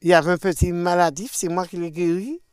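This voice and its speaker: Telling her personal faith story as an interview guest, an older woman with a Martinican French accent performs the dialogue she recounts and alternates between loud and soft. She talks fast in a lowish, clear and resonant voice with fairly even intonation, recorded in a studio with no echo.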